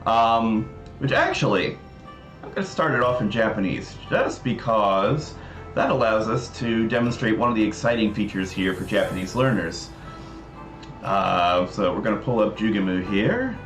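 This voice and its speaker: A man hosts a casual livestream, informally talking through a demo of a game project. His lowish voice is expressive and a bit bright at normal speed, and the audio has a roomy echo with game music playing behind.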